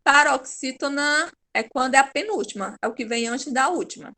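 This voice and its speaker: A woman's voice: sits high, animated, normal speed, pushed and bright. A Brazilian woman teaching an online class, patient and encouraging, praising her pupils by name. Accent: Brazilian Portuguese.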